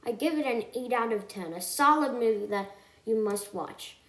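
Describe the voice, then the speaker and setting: A woman with a fairly high voice gives an earnest, emphatic film review as a voice-over. She stumbles now and then and corrects herself mid-sentence. The room around her echoes. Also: moderate pace, background noise.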